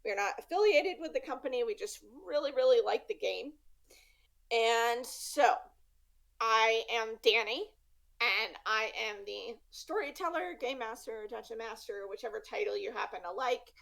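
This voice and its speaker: A woman with a fairly high voice hosts as game master. Her delivery is casual and conversational, coming in halting phrases. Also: expressive, vocal fry, a bit bright. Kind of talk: casual show introduction.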